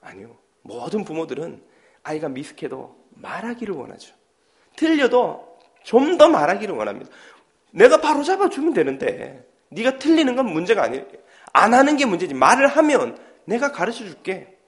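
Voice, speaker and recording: Man, pastor, sermon, high voice, very expressive intonation, acts out dialogue. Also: moderate pace. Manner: animated storytelling, acting out family dialogue. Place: church sanctuary.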